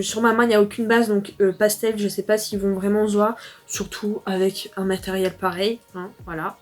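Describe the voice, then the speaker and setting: Teen girl from france rambling thru a makeup review, lots of ums, soft music behind. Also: medium pitch. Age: teens. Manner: chatty, rambling with fillers and restarts. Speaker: beauty vlogger.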